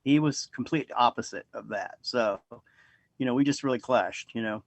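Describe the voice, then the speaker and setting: A man's voice: mid-range voice, normal speed, no echo. A man guest on an interview show, talking in an easygoing, laid-back way. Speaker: guest guitarist. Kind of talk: casual interview chat.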